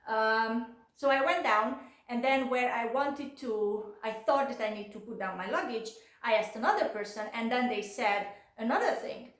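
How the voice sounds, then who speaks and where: A young Hungarian-accented woman vlogs a casual storytime in English, her slightly high, fairly bright voice sounding roomy. She's chatty and keeps dropping in "like" and "you know."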